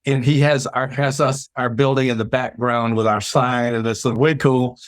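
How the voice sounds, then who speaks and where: An older man tells workplace stories in an animated, rambling way, stopping and restarting his sentences. His voice sits at a middle pitch. The sound is dry and close. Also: moderate pace, no room sound. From United States. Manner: animated storyteller, many restarts. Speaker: interview guest, PR veteran. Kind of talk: casual interview chat.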